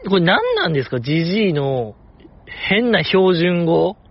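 Joking his way through listener mail, a Kansai-accented man hosts a casual podcast full of self-deprecating banter and quick laughs. His high voice has a sing-song lilt, captured on a muffled recording.

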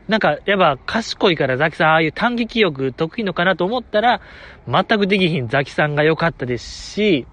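A man's voice: a little high, fairly bright tone. A young man with a Kansai accent, hosting a solo chat show and rambling enthusiastically like a fan. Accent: Kansai Japanese. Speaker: podcast host.

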